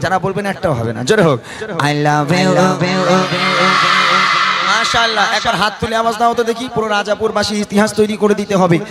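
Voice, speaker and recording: Hoarse man teasing a crowd. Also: high voice, rapid-fire, hardly any pauses. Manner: teasing, coaxing, urging the crowd to shout. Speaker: gojol singer addressing a crowd. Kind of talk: live crowd call-and-response. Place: outdoor religious gathering with stage. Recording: live with loud music behind.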